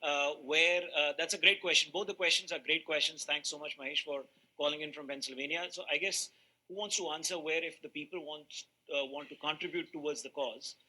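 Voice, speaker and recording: A man's voice: fairly high pitch, fairly even intonation, fairly quick, sharp tone, poor audio. A man with an Indian accent hosting a live call-in talk show, switching between English and Hindi. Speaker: TV host.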